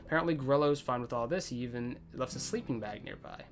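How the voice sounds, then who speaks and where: A man's voice: mid-range voice, fast talker. A man giving casual playthrough commentary as a gaming host, muttering to himself and pleased with his own progress. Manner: self-congratulatory, mutters to himself, swears casually. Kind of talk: casual game playthrough commentary, reading dialogue aloud. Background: soft music.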